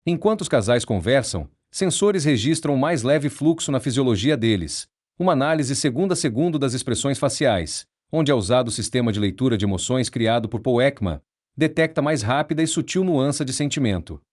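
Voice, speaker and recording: A man reading a nonfiction book aloud in a measured, steady, explanatory way. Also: mid-range voice. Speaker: audiobook narrator.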